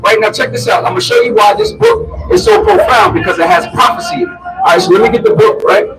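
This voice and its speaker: A man's voice: very high voice, huge pitch swings, fast, distant mic, background noise. A man preaching in the street, emphatic, pressing listeners to answer him back.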